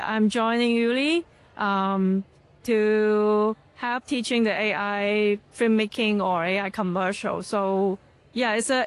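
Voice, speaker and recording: Woman, slow and measured, uses fillers. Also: medium pitch. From Hong Kong. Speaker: art director and teacher. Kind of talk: interview self-introduction.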